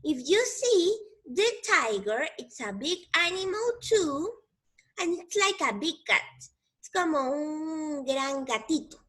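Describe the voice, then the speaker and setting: A woman's voice: high-pitched, bright, forceful tone. A woman teacher with a Mexican Spanish accent, giving a patient bilingual English lesson to young children and repeating each word in both languages.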